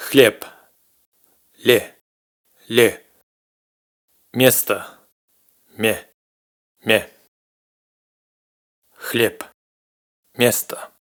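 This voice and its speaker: A man gives a pronunciation lesson, taking his time over every word. His voice sits fairly low, and he patiently repeats each example sound before moving on. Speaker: language teacher.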